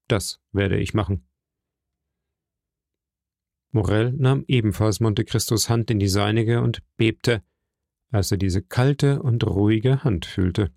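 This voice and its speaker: A man reading a classic novel aloud in steady, measured narration. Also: lowish voice, creaky, no room sound, studio quality. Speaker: audiobook reader. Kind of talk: scripted narration.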